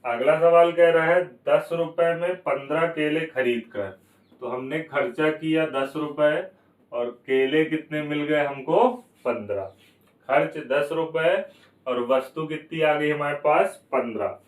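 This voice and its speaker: A man's voice: a little high, unhurried, echoey room, distant mic, rough recording. A man teaching a maths lesson for exam prep, asking questions and answering them himself, going step by step. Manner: explains step by step, repeats key numbers.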